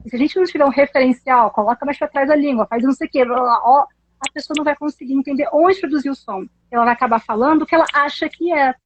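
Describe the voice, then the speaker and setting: A woman, an English teacher explaining pronunciation in a casual chat, animated and laughing often. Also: high-pitched, quick pace, dry recording, muffled recording.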